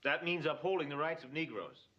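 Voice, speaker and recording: Civil rights adviser, forceful and lecturing, muffled recording. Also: male voice, a little high, lively intonation, a little fast. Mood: urgent. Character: male civil rights adviser, blunt and morally urgent.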